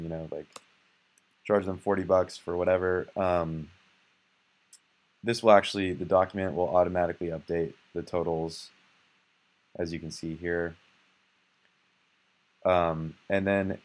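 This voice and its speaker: A young software developer demos his app in a screencast, narrating the walkthrough casually. His deep voice stays relaxed and conversational, sprinkled with fillers and self-corrections.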